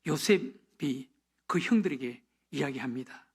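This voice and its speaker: Pastor, sermon, husky voice, animated pitch, loud-to-whisper contrasts, short affirming interjections. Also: a little slow. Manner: dramatic swings from loud emphasis to hushed whispers.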